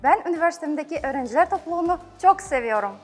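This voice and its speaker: A woman's voice: sits high, lively intonation, rapid-fire, music in the background. A young woman student giving a prepared presentation as a non-native speaker of Turkish. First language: not Turkish. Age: young adult. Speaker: university student.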